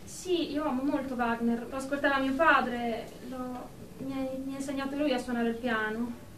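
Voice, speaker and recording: In an echoey Italian radio drama recording with a distant mic and background noise, a woman plays a snooty, prim office professional in therapy who is quick to take offence. Her fairly high voice is steady and a bit bright, and she sounds superior, clipped, indignant and formal.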